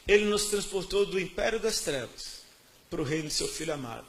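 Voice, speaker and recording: A man with a Brazilian Portuguese accent preaching a sermon, telling his testimony in casual slang with lots of repetition, dropping to soft murmurs and rising to loud outbursts. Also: sits high, lively intonation, a little fast.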